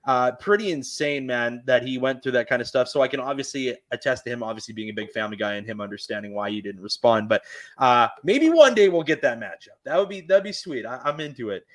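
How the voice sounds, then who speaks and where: A man's voice: medium pitch, fast talker, fairly bright tone. A man with a Canadian accent hosting a podcast, talking fights in an eager, rambling way. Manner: eager, rambling fan talk. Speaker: podcast host. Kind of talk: casual sports chat.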